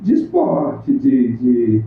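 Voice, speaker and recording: A man, recalling local history in a plainspoken, unhurried casual interview. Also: medium pitch, wildly swooping pitch, a little hiss or hum. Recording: echoey room on a tinny phone-like line.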